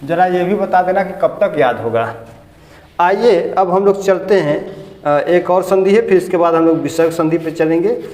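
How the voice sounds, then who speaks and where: A man's voice: sits high, moderate pace, a little mellow. A man teaching a classroom grammar lesson, repeatedly quizzing his students and correcting their pronunciation. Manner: drills students with repeated questions. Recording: echoey classroom with long reverb.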